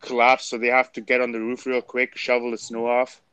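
A man's voice: medium pitch, monotone, a little fast, a bit bright, clear, resonant tone, no echo, muffled recording. Dry-sounding, friendly man hosting a chat. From Germany. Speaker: live talk host. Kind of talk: casual chat.

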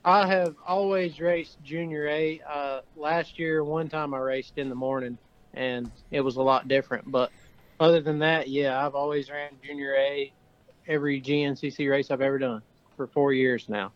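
A man's voice: a little high, steady tone, normal speed. A man heard over a phone on speakerphone, giving brief, laid-back answers as a guest on a call-in show. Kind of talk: casual phone interview. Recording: muffled phone line.

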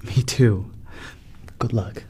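An actor playing a kind, calm man who speaks gently and reassuringly. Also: medium pitch, slow, a little hiss or hum, lightly acted. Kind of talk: scripted skit acting.

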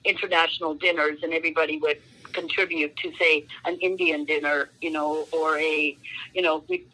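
A Canadian woman, a guest author in a casual interview, rambles and fills her speech with ums and you-knows. Her voice is low and sharp with little pitch movement, at normal speed, on a rough recording.

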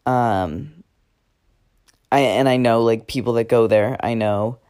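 A man's voice: mid-range voice, slow pace, a little mellow, smooth. A teenage guy talking casually in a diary-style podcast, rambling with many fillers and self-corrections. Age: teens. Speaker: podcast host.

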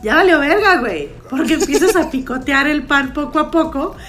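A young Mexican woman co-hosting a casual comedy podcast, animated and laughing, heavy with slang and swearing. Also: high-pitched, normal speed. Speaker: podcast co-host.

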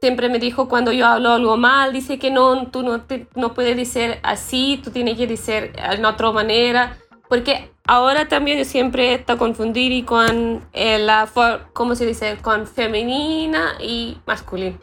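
A woman guest speaking Spanish as a learned language, halting and searching for words. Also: a little high, fairly even intonation, a bit bright, slight background noise. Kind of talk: casual chat.

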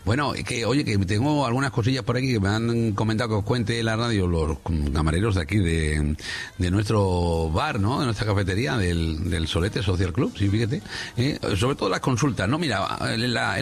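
A radio show contributor with a Spanish accent from Spain chats casually and with humor, rambling, repeating himself, and checking that listeners agree. His voice is fairly low and slightly rough.

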